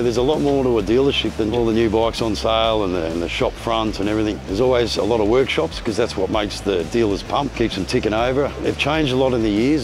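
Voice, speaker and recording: A man presenting a casual walk-through vlog, chatting in a matey, colloquial way. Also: lowish voice. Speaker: presenter of a motorcycle magazine tour. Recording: loud music and vehicle noise behind.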